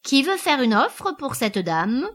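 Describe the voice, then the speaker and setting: A woman's voice: high voice, sing-song, slow, voice pushed up, full character voice. A woman voicing a wet-voiced little auctioneer. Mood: calling. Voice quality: wet, moist voice. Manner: shouting bids. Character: small bulb-nosed male auctioneer.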